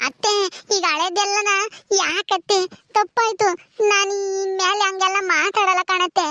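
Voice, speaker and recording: A woman's voice: extremely high pitch, fairly even intonation, moderate pace, bright, forceful tone, no echo, studio quality. A woman playing a young daughter-in-law held in jail, pleading and whiny.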